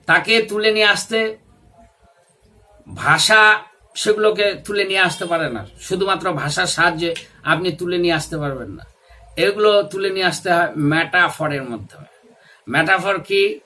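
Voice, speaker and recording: A man's voice: sits high, normal speed, pauses often, pushed and bright. A man, talking in a self-made video monologue, insistent and repetitive, with English phrases mixed in. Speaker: video commentator.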